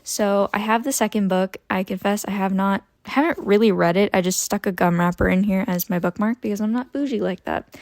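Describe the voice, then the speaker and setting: Young woman, twenties, book vlogger, casual chat, expressive, tangents, mid pitch, dry close sound. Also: fairly quick, no room sound. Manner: chatty, expressive and tangent-prone. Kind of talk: casual chat about books.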